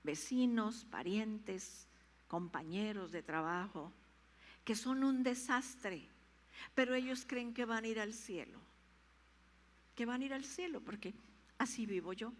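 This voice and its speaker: A woman's voice: fairly high pitch, takes it slowly, pauses often. A woman pastor preaching a sermon, emphatic and repetitive, rising to fervent peaks, in a reverberant church hall.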